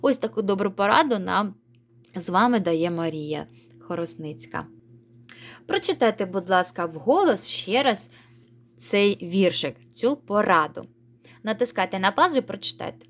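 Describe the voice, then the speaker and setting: A woman's voice: mid-range voice, animated, normal speed, a bit bright. A woman teaching young children a reading lesson, coaxing and sing-song, calling them pet names. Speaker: primary school teacher.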